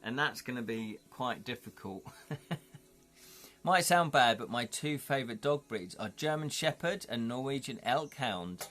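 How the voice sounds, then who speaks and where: A chatty British man rambles on his live stream, thinking aloud and frequently dropping "you know" while chatting casually with viewers. His mid-range voice is expressive and a bit bright, his pace measured, and faint music sits behind him.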